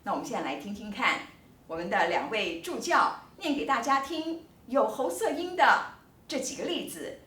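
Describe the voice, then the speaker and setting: Animated woman lecturer, high and bright, recorded far off in an echoey room. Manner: animated, emphatic explaining with drawn-out words. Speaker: linguistics professor.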